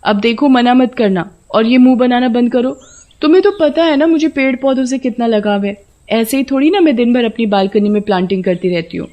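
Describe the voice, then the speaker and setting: A woman voicing a chatty, plant-loving young wife who scolds her husband in an animated horror story. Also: a little high, brisk, lo-fi sound, voice pushed up, natural voice.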